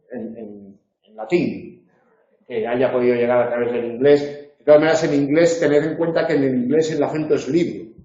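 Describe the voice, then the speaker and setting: A man with a Peninsular Spanish accent giving a university lecture, hesitant, pausing often on filler sounds and restarting phrases, in a classroom. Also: mid-range voice, mellow. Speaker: university tutor. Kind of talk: spoken lecture. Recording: dull echoey room recording.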